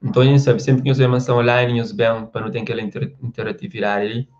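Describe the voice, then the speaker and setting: A man hosts a casual live stream, reading out viewer comments and rambling at length, restarting often and frequently stopping to ask "você entende?". His mid-range voice is level, quick, and a little mellow, with the highs cut off.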